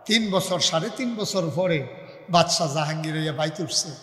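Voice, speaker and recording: A man's voice: on the high side, normal speed. A man, a preacher telling a sermon story in a dramatic, dialect-rich way. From Bangladesh. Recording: echoey hall, loudspeaker reverb.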